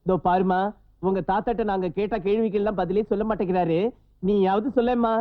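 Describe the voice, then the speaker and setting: Man acting as blustering kidnapper, gruff bullying, high voice, dull lo-fi sound. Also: fairly even intonation, fast talker, natural voice. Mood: coaxing. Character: blustering small-time kidnapper, bossy and threatening. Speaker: comic film character. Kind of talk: comic film dialogue. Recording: dull lo-fi film audio.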